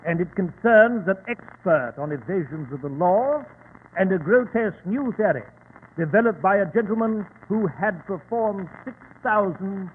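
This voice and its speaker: High-voiced, earnest Doctor Watson. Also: male voice, animated, moderate pace. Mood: genial, reminiscing. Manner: formal, earnest, exclamatory. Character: earnest, astonished male doctor, the detective's loyal companion. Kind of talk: 1940s radio drama acting. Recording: tinny, hissy 1940s radio recording.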